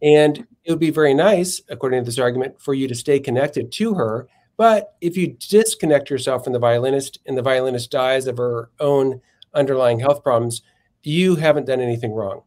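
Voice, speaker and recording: Male podcast guest, middle pitch, measured, methodical explainer who restarts phrases. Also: darkish tone. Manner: measured, methodical, frequent self-corrections. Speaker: philosophy professor guest. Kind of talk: explaining arguments in a podcast interview.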